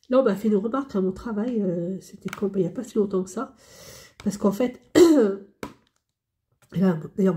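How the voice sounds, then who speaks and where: A woman's voice: mid-range voice, mellow. A woman vlogger chatting candidly and rambling as she answers tag questions, often repeating herself. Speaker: hobby vlogger.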